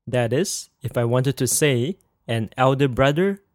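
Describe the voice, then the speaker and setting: Man calmly explaining a language lesson. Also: medium pitch, no room sound, studio quality. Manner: clear explanatory, reads example phrases slowly. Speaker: language teacher. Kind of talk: scripted language lesson narration.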